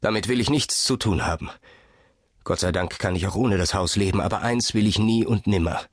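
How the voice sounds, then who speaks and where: A man's voice: fairly low pitch, a little fast, dry recording, studio quality, natural voice. A man voicing a wary young man who questions a strange offer, in a plain, everyday tone.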